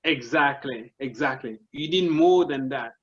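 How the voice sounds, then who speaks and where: Heard through a muffled recording, a man with a Congolese French accent speaks at a measured pace in a mid-range, fairly bright voice. As a marketing consultant guest in a casual explanatory interview, he explains his ideas earnestly and in steps, regularly restarting his sentences.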